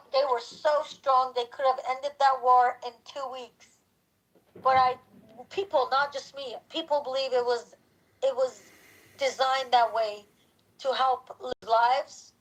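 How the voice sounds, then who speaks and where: A woman in her forties with a high voice talks in a loose, unscripted panel discussion. She leans on her points and repeats words to drive them home. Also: steady tone, slow pace, a bit bright, poor audio. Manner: emphatic, repeats herself for stress. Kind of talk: casual live discussion.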